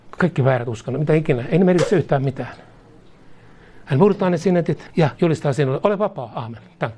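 A man preaching a sermon, mixing casual speech into the preaching and rising louder and higher on emphatic points. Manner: mixes colloquial speech into preaching, chuckles between points; rises in pitch and volume on emphatic lines.

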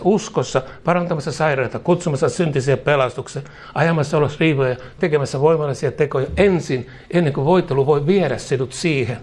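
A man's voice: fairly high pitch, darkish tone, husky. A man preaching a charismatic sermon in emphatic, rhythmic repeated phrases, chuckling now and then.

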